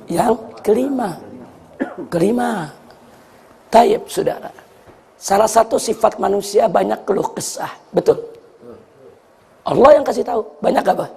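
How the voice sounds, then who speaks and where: A man's voice: very high-pitched, creaky, big-room sound. A man preaching a sermon to a congregation, often putting rhetorical questions to his listeners. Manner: rhetorical questions to the audience, animated.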